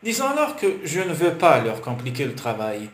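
A woman's voice: low voice, huge pitch swings, normal speed. A man voicing a proud young mother who answers tersely and with irony. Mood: guarded. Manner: terse, ironic. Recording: roomy with faint hiss.

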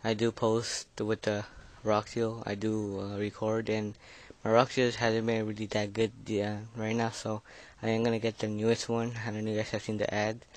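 A man's voice: lowish voice, monotone, moderate pace, few pauses. A nervous fifteen-year-old boy giving a casual gameplay commentary, mumbling and hesitant, his speech slightly slurred by braces. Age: teenager, fifteen. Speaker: gaming video creator.

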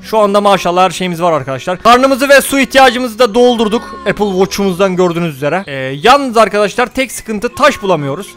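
Man, high voice, casual game commentary, excitable, talks to viewers, soft music behind. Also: fast talker, hardly any pauses. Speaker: gaming YouTuber. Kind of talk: casual let's-play commentary.

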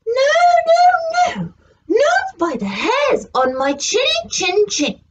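A woman squeaking as defiant little pigs. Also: wildly swooping pitch, slow pace, slight background noise, full character voice. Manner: high, loud, sing-song defiance. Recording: distant, dull lo-fi recording.

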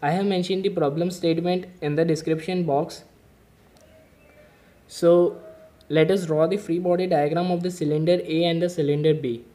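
A man's voice: on the high side, steady tone, normal speed, mellow. A man explaining an engineering mechanics problem step by step while drawing diagrams, methodical and patient. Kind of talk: whiteboard-style problem-solving lesson.

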